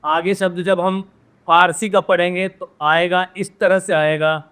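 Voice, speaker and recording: A man teaches a grammar lesson in a smooth, resonant voice that sits a little high for a man. He drills pronunciation, saying words slowly and repeating them, and keeps checking in with his viewers. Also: level tone, fairly bright tone. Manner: addresses viewers directly with frequent "है ना?". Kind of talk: classroom-style grammar lesson.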